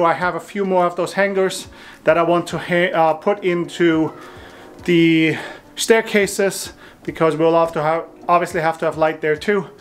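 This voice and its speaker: A man in his forties narrates a walkthrough of an attic under renovation, thinking aloud and pausing with frequent ums. His voice sits fairly high for a man. The bare wooden space gives the sound a roomy echo. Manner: relaxed, thinking aloud with many ums and restarts. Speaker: home renovation vlogger. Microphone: camera mic, often off-camera.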